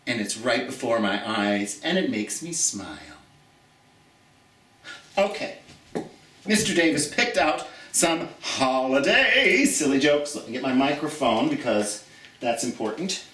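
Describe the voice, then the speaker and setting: Reading to kids in a theatrical storytime, this American host talks with viewers and draws out important words for emphasis. His mid-range voice sounds animated, pushed, and bright at a measured pace, captured distantly from the mic in an echoey, roomy setting.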